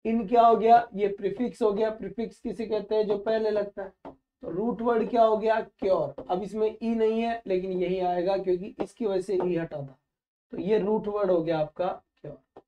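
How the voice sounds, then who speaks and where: A man's voice: sits high, steady tone, moderate pace, mellow, muffled recording. A man teaching a live online vocabulary class, drilling the students by asking a question and then answering it himself, and calling them "beta" in a friendly, instructive way. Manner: drilling, asks and answers his own questions.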